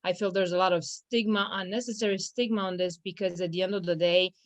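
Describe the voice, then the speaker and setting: A young Romanian woman who works as a law firm's business manager chats casually in an interview, hesitant and full of fillers and restarts. Her mid-range voice has a steady tone and quick pace, in a dry recording.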